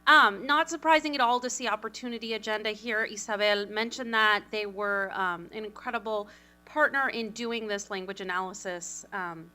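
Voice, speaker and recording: A woman presents at a conference in a bright, forward voice that keeps up a quick clip. She drops in playful asides about herself as she goes. Faint music sits low behind her. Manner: fast, animated, self-deprecating asides. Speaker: communications consultant, panel speaker.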